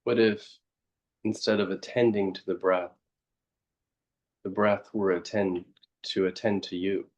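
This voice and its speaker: Leading a guided meditation, this teacher has a voice that sits low, with fairly even intonation. His reflective delivery comes in brief, unhurried phrases punctuated by gentle questions.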